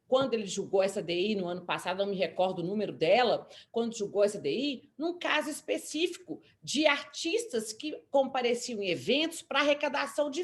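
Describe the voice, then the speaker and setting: Lively high-voiced woman lawyer explaining. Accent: Brazilian Portuguese. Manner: animated, explanatory, acts out quotes. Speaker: lawyer and panel guest. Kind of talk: panel discussion.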